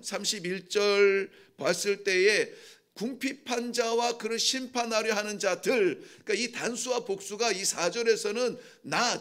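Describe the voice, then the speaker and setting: A man preaches an early-morning sermon with a high, gravelly voice. His talk is conversational and earnest, and he slips into the voices of the people who plead in his text. The rasp of his high voice runs through every line. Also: a bit bright. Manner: conversational preaching that acts out heartfelt pleas in voices. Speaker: pastor.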